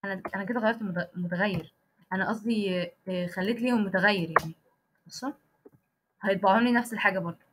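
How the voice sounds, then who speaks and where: Egyptian woman teaching python online, talks super fast, keeps checking if ppl got it, fixes herself midsentence. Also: medium pitch, a bit bright, a little hiss or hum. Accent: Egyptian Arabic. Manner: explains step by step, checks in with students often; frequent restarts and self-corrections while typing code. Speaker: programming instructor. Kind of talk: live online coding lesson.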